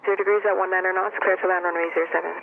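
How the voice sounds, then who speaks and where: Gravelly male controller over aviation radio. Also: sits high, flat delivery. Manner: rapid, clipped and businesslike. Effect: radio transmission heard over a headset. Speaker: air traffic controller. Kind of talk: clipped radio phraseology. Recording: lo-fi radio with static hiss.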